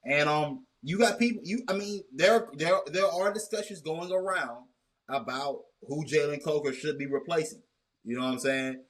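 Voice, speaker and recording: A man's voice: fairly high pitch, a bit bright. Rambling man hosting sports talk. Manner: rambling, many restarts, measured and cautious. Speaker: host. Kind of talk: casual sports chat.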